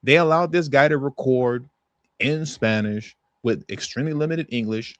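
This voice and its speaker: A man's voice: medium pitch, normal speed, a bit bright, dry recording. A man hosting an opinion commentary on news clips, emphatic, repeating his points and acting out quotes. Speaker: commentary host.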